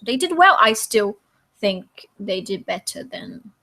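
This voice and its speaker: A young woman chatting casually as a co-host, blunt and quick to swear. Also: mid-range voice, very animated, pushed and bright. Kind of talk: casual chat.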